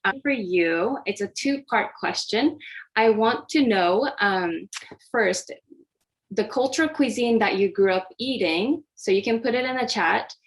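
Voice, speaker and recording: A Japanese woman, an oncology dietitian, gives a friendly, interactive online presentation over a video call. She speaks at medium pitch and an unhurried pace, hesitating with many fillers and restarts.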